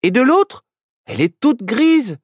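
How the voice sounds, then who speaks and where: A woman's voice: a little high, very animated, unhurried, slightly rough, no echo, clean studio sound, voice pushed up, exaggerated voice. A woman voicing a worried, anxious little boy who frets and complains in a children's storybook.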